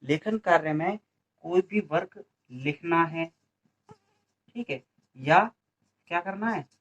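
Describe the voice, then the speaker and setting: A man's voice: a little high, lively intonation, slow pace, fairly bright tone, dull audio. A man from India teaching a Hindi grammar lesson for an exam coaching class, who asks questions and answers them himself and keeps adding "okay". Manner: repeats questions and answers them, frequent "ठीक है" fillers.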